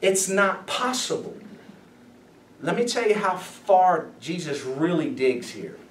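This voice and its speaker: A man preaching as a pastor, emphatic and animated, asking his listeners questions as he teaches. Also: high voice, takes it slowly, a little hiss or hum. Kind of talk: sermon, Bible study teaching. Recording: echoey room, mic at a distance.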